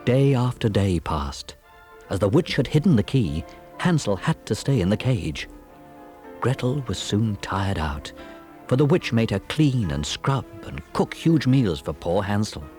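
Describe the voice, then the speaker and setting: A man narrating a children's fairy tale on a storybook cassette with an expressive, dramatic delivery. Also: fairly low pitch, unhurried, faint music behind.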